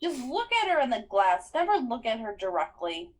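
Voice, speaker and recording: Woman voicing a brisk know-it-all teen girl. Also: a little high, sing-song. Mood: urgent. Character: clever, bossy teenage girl. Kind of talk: audiobook character voice.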